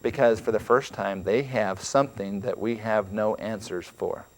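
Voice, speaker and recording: A man's voice: lowish voice, fairly even intonation, normal speed. A man giving an earnest, emphatic religious lecture to a congregation, often repeating words as he talks. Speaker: church speaker.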